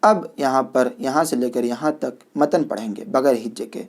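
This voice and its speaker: Man, reading teacher, formal greetings, slow letter-by-letter spelling, louder letter names. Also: medium pitch. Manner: opens with formal Islamic greetings.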